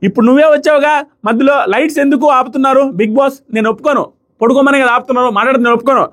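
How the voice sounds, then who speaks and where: Man putting on a woman housemate, loud, stubborn, insistent, shouting, high-pitched, rapid. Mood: shouting angrily. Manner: shouting, insistent, repeats herself.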